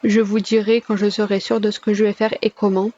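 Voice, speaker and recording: A woman's voice: medium pitch, flat delivery, brisk, mellow, highs cut off. A woman gives a casual channel update in a chatty, self-correcting way, recorded at home. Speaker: gaming YouTuber. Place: at home, alone.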